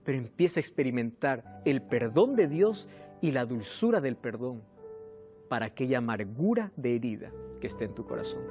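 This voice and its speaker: Lively-voiced man preaching a sermon. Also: mid-range voice, moderate pace, over music. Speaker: pastor.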